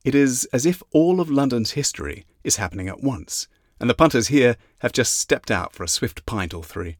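A man narrating an audiobook in a measured, even reading. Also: mid-range voice, dry recording, studio quality. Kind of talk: scripted narration.

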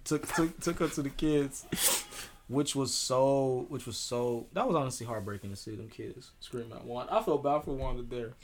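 A young man in casual chat, retelling things in a slangy, animated way and acting out quotes. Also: mid-range voice, normal speed, slight background noise. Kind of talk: casual movie recap chat.

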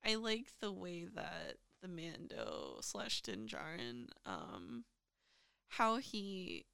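A woman's voice: fairly low pitch, huge pitch swings, takes it slowly, creaky, sharp tone, clean tone, no echo, studio quality. A woman co-hosting a casual chat, speaking hesitantly and thoughtfully with many fillers. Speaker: podcast co-host. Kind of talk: casual fan discussion.

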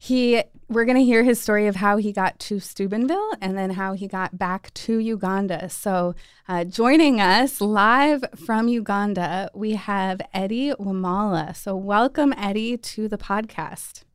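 A woman's voice: mid-range voice, unhurried, clear, resonant tone, no echo, clean studio sound. A woman co-hosting a podcast, reading a polished intro and then chatting in a friendly, conversational way. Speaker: podcast co-host, alumni relations director.

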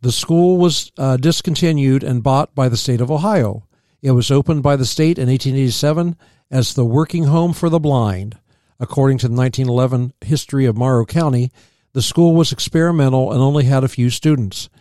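A man, reading local history aloud as a podcast co-host, steady and plain with small slips. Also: medium pitch, fairly quick, dry recording, clean studio sound.

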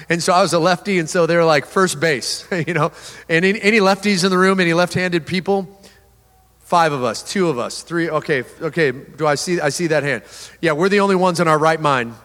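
A man's voice: a little high, fairly bright tone. A man preaching a sermon, telling a story with self-deprecating jokes and frequent restarts. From Texas. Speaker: pastor. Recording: long hall reverb.

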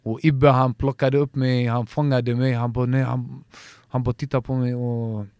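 A man's voice: mid-range voice, flat delivery, a little mellow, clear, resonant tone, no echo, clean studio sound. En man som i ett avslappnat poddsamtal berättar känslosamt om en fight, stakande och med många omtag och utfyllnadsord. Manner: emotional storytelling, halting with many restarts and fillers. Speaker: MMA fighter guest. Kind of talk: casual podcast conversation.

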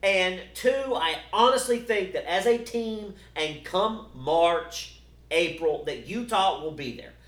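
A man co-hosting a podcast, arguing about sports in a casual, blunt and profane way that turns animated. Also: high-pitched, takes it slowly. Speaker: podcast co-host. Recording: echoey room.

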